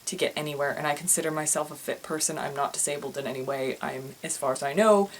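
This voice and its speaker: A woman's voice: deep voice, steady tone, fast talker, slight background noise, low-quality recording. A young woman, an author, talking casually to her viewers in a rambling way, often restarting and repeating words. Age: young adult. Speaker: author and vlogger. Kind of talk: casual chatty vlog.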